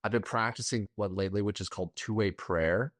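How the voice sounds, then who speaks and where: A man's voice: lowish voice, fairly quick, a bit bright, no echo. A man as a guest on a podcast, talking candidly and a little emotionally, searching for his words. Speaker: podcast guest, party coach.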